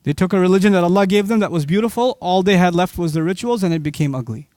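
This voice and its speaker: A Pakistani Islamic speaker with a high-pitched male voice gives a spirited religious lecture to a live audience, posing rhetorical questions and answering them himself. He peppers his talk with quick asides and abrupt pitch jumps to drive points home. The recording is close and dry, with no room sound at all.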